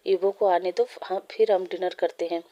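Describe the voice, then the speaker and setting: A woman's voice: fairly low pitch, fairly even intonation, normal speed, dark tone, highs cut off, close to an everyday voice. A woman voicing an easygoing older brother in a fan story read aloud. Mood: calm.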